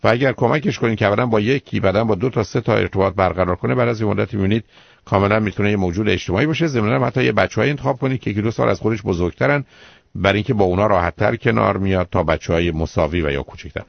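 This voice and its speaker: A man, a psychologist on a radio call-in show, explaining things calmly to callers and calling them dear. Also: fairly low pitch, creaky, no room sound, highs cut off. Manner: calm, explanatory, calls listeners "dear".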